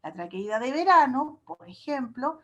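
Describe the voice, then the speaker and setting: A woman's voice: sits high, sing-song, normal speed, bright, forceful tone. A woman professor giving an online workshop lecture in a chatty way, explaining with homely comparisons and little diminutives. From Chile. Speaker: university professor.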